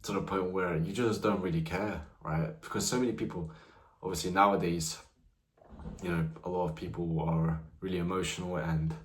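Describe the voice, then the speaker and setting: A man's voice: sits low, steady tone, moderate pace, echoey room, a little hiss or hum. A nineteen-year-old man talking casually to camera about his own life, rambling with lots of fillers. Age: young adult, nineteen. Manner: loose, rambling, many "you know" fillers. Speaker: vlogger. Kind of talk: casual personal talk to camera.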